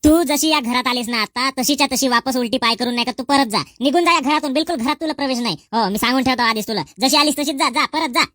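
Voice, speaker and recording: A woman playing a sharp-tongued old village mother-in-law who scolds and taunts without pause. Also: high-pitched. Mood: bossy. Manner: nagging, taunting, rapid scolding. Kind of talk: rural comedy skit.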